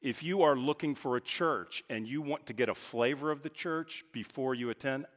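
A man from Texas preaching a sermon as pastor, talking with emphatic swings from loud, high points to quiet, low asides. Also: normal speed. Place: church sanctuary. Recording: reverberant church hall.

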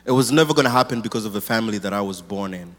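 A man's voice: fairly low pitch, animated, racing. A man from Kenya, a guest speaker telling his life story earnestly and thoughtfully in church. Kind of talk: personal testimony in church. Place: large church auditorium. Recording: long hall reverb.

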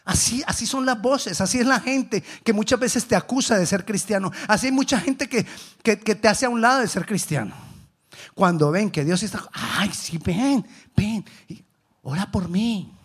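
A man preaching a sermon, swinging between loud exhortation and hushed asides, acting out the voices of biblical characters. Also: sits high, lively intonation, moderate pace, slightly rough.

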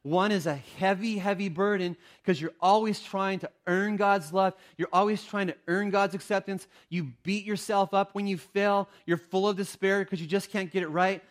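A man's voice: high voice, steady tone, normal speed, few pauses. A man preaching a sermon in a conversational, storytelling way, often restarting his sentences. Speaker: pastor.

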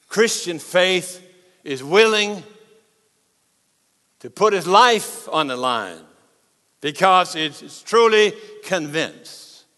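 A man preaching a sermon in an authoritative, emphatic manner, breaking his sentences into short phrases with deliberate pauses. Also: a little high, pushed and bright. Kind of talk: sermon to a congregation and broadcast audience. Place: large reverberant hall before a congregation. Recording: long hall reverb.

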